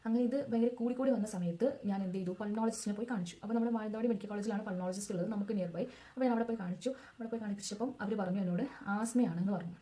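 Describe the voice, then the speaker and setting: A woman's voice: medium pitch, racing, mellow. A young woman casually telling her own story as a vlogger, in a chatty, rambling way that backtracks to add details.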